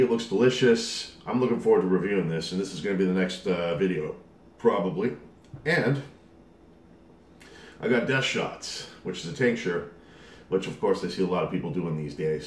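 A man in his thirties with a slightly low voice hosts a casual vlog. He talks to a camera across the table, and the room is clearly echoey. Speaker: vlog host. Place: dining room at home.

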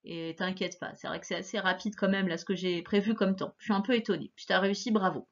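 A woman's voice: mid-range voice, steady tone, fast talker, dull audio. A woman teacher giving a recorded phonics lesson to a child, patient and encouraging, stressing each sound.

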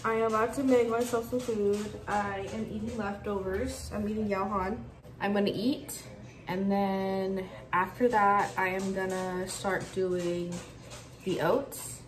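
A vlogger in her late twenties chats to her phone camera while cooking in a small apartment kitchen, blunt and swearing freely. Her mid-range voice is flat and a little slow.

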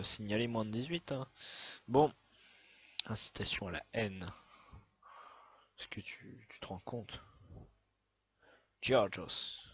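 A man giving a chatty, excitable let's-play commentary on a browser game, swearing often as he plays. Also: lowish voice, breathy edge, dull audio. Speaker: gaming video host.

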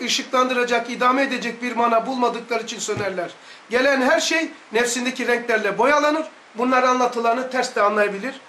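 A man's voice: extremely high pitch, bright, forceful tone, reverberant, a little hiss or hum. A man with a Laz Turkish accent, giving an emphatic religious lesson full of repetition and rhetorical questions. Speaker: religious study teacher.

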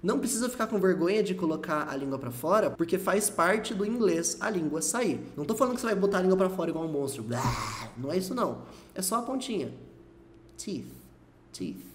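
A man from Brazil giving a casual video lesson on English pronunciation, lively and repeating example words slowly to demonstrate. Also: sits high, slight background noise. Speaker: English teacher.

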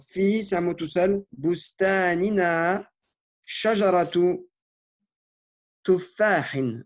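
A man teaching an Arabic lesson, patiently walking through exercises and slowly spelling out Arabic words. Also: fairly high pitch, a little mellow. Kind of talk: classroom lesson explaining exercises.

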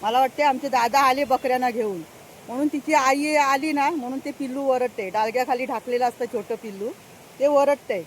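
Older female vlogger, high-pitched and chatty, talks to viewers on a handheld phone outdoors, light background noise. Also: fairly quick, low-quality recording. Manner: chatty, keeps addressing viewers, laughs often. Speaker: farm vlogger. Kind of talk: casual vlog chat. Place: outdoors on a rural farm path.

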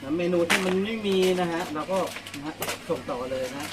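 Heavy background noise surrounds a man whose voice sits high and moves at normal speed. As a vlogger packing orders for fans outside a coffee shop, he narrates casually live, sprinkling polite particles on each phrase.

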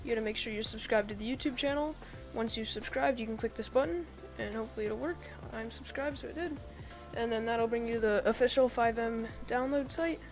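A YouTube tutorial creator who sounds sick, her voice a bit off, chats casually as she walks viewers step by step through a computer setup in a screen-recorded voice-over. She talks fairly quickly with few pauses in a fairly high voice, over music, and the recording is rough.

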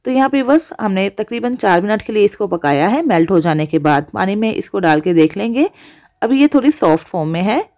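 A woman's voice: medium pitch, expressive, brisk, a little mellow. A woman hosting a cooking channel, explaining each step of a recipe to viewers. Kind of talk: voice-over recipe instruction.

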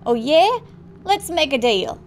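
A woman's voice: high-pitched, animated, a little slow, a little hiss or hum, pitched above the performer's own voice. A woman voicing a worn-out, broke middle-aged father with an attempted Australian accent, apologetic and putting on forced cheer. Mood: weary.

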